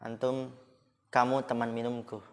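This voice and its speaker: At a measured pace and with flat delivery, a man with a mid-range voice teaches Arabic grammar. As an Islamic school teacher in a boarding school classroom, he keeps it casual, posing rhetorical questions and cracking jokes, all heard through a long hall reverb.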